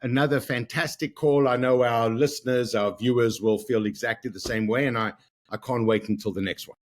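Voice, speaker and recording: A man's voice: medium pitch, fairly even intonation, brisk. Upbeat male podcast host. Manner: upbeat, fond of closing quotes. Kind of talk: casual interview chat. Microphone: video call.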